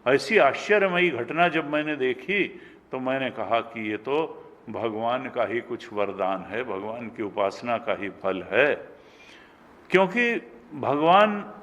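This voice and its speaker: Older indian swami w/ north indian hindi accent, tells scripture stories slow, voices the characters, long hall echo. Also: male voice, lively intonation, fairly bright tone, dull audio. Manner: storytelling, acting out dialogue with rising pitch. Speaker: spiritual teacher.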